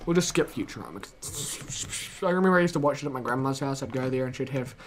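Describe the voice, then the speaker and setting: A goofy teenage guy reads facts aloud to a friend. He trips over words and laughs at his own slips, with a voice in the middle of the usual male pitch range. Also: fast, a little hiss or hum. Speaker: co-host. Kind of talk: casual chat, reading aloud.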